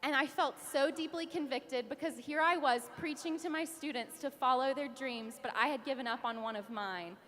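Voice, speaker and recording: A woman's voice: high voice, normal speed, few pauses, fairly bright tone. A young woman in her twenties giving a heartfelt, emotional recognition speech on stage, sometimes laughing through tears. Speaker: award speaker. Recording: reverberant hall with audience.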